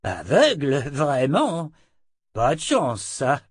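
A man voicing a prickly, sharp-tongued old man who has lost his memory, testy and sarcastic. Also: mid-range voice, wildly swooping pitch, slow pace, slightly rough, no room sound, studio quality, pitched above the performer's own voice, exaggerated voice. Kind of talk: audiobook character voice.

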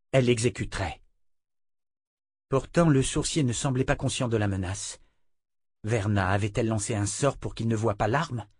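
A man reading a fantasy novel aloud as audiobook narration, measured and expressive. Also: lowish voice, no room sound, studio quality. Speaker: audiobook reader.

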